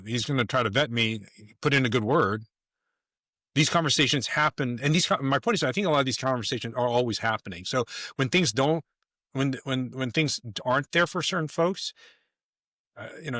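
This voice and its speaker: A man's voice: mid-range voice, sharp tone, dry recording, clean studio sound. A man talking as a podcast guest in casual conversation, emphatic and rambling, with many restarts.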